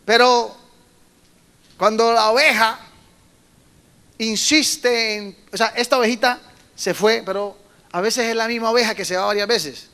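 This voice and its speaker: A man's voice: sits high, unhurried, long pauses, clear, resonant tone. A middle-aged man preaching a sermon to young people, telling stories and acting out voices with emphatic bursts. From Colombia. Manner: animated storytelling, acts out quoted voices, emphatic bursts. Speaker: pastor. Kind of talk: sermon to a youth meeting.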